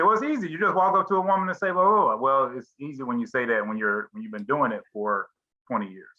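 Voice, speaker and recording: Over a video call, a middle-aged man runs a relaxed group chat, wandering around his points with lots of ums and false starts. His pitch is an ordinary mid-range. The call audio comes across slightly dull and lo-fi.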